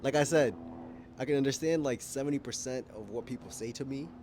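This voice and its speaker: Slightly fast and a little mellow, a medium-pitched male voice comes from a young Kenyan vlogger with an American accent speaking casually to camera outdoors on a rooftop. He rambles, self-corrects, and laughs frequently, and there's a little hiss or hum.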